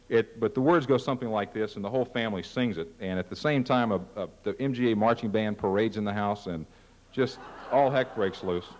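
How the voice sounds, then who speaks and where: A man with a fairly low voice talks staff through a set of ads. He is casual and pokes fun at himself now and then. His voice carries the long reverb of a large conference hall. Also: a little mellow. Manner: casual, self-deprecating, acts out ad lines. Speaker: marketing presenter at a company meeting. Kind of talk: presentation to staff.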